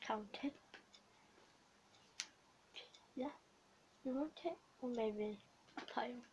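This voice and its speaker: A young woman playing an attentive bookshop and library clerk in an ASMR role-play, talking haltingly in short, repeated phrases. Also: fairly high pitch, darkish tone, close to an everyday voice. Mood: helpful. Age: young adult. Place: small home room, indoors. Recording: noisy home recording with clicks.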